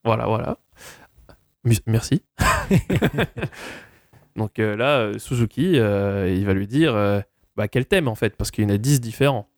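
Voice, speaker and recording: A man's voice: fairly low pitch, moderate pace, darkish tone, dry recording, clean studio sound. A man co-hosting a casual chat, telling a story in a chatty way with frequent hesitations and asides to the listeners. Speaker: podcast co-host.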